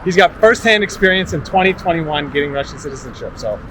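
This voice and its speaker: A man hosting a casual interview outdoors in a city park, chatty and quick to laugh. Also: fairly high pitch, expressive, noisy background. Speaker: host, interviewer. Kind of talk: casual interview while walking.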